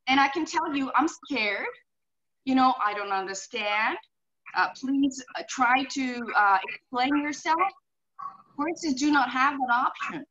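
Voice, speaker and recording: A middle-aged Finnish woman with a high, bright voice and a forceful tone speaks earnestly as a horse behaviorist guest on a video call from a room at home. She explains with examples and says "you know" often. The call audio is muffled with a faint hiss.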